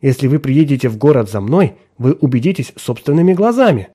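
A man voicing a desperate middle-aged clerk who insists he is alive, pleading and nearly shouting. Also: medium pitch, very animated, a little fast, slightly rough.

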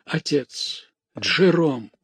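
A man's voice: on the high side, animated, very slow, a bit bright, husky, no room sound, voice pushed up, exaggerated voice. A man reading an audiobook, voicing a passionate young man in despair, crying out urgently. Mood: impassioned. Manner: impassioned, exclaiming.

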